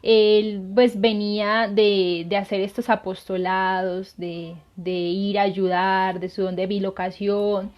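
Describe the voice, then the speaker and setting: A woman's voice: mid-range voice, little pitch movement, takes it slowly, hardly any pauses. Earnest woman telling a saint's life. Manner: earnest, hesitant with frequent fillers. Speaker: lay missionary. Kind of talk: devotional storytelling. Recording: dull lo-fi sound.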